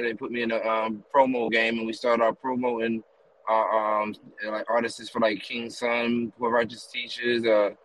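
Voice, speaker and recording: Rambling man with a flat voice. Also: medium pitch, poor audio. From US East Coast. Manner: rambling run-on stories with many fillers and "you know what I mean". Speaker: guest, rapper and music promoter. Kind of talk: casual interview. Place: riding in a car on the highway.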